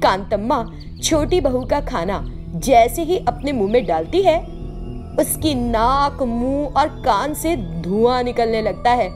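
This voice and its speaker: A woman reads the narration of a cartoon story in a scripted, expressive way. Her voice sits high and moves around a lot. Light music plays beneath. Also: takes it slowly.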